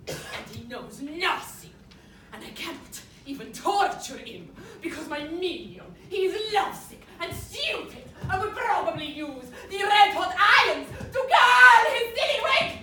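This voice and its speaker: A pompous, hot-tempered male Spanish don, played by a woman in a live stage farce, with a put-on Spanish accent. The voice is high and very bright, and the delivery is slow and full of theatrical swoops. The sound comes from a distance in an echoey hall. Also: slight background noise, exaggerated voice. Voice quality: theatrical, blustering, with sudden shouted outbursts. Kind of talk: live stage comedy acting. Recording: echoey stage, picked up from far off.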